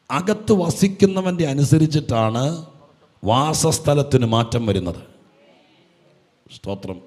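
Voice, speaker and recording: A man preaching a Pentecostal sermon who keeps saying "praise the Lord" and "hallelujah". He asks the congregation questions and moves from quiet asides to loud, stressed lines. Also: medium pitch.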